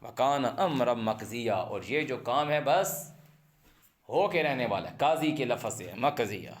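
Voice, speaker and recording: In an animated, mid-range voice, a man gives a lesson translating the Quran word by word, reciting Arabic phrases before explaining each in Urdu. Along the way he questions and comments on printed translations.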